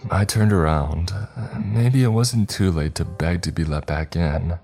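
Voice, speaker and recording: A man narrating a first-person horror story in a measured, tense way. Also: deep voice, warm tone, soft background music.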